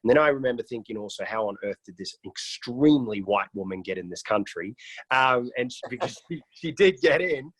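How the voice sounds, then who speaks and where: A man's voice: medium pitch, expressive, fairly quick, fairly bright tone, breathy edge, no room sound. Man telling his life story on a video call. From Iraq. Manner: joking, with frequent restarts and fillers. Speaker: guest on a mentoring call. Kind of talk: casual personal storytelling.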